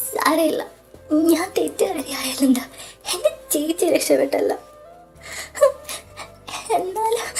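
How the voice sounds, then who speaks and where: A loyal, wronged younger sister in an audio drama, voiced by a woman, high-pitched, soft and breathy, close to tears. Faint music plays under her voice. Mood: tearful hurt. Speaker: voice actor in fan audio drama.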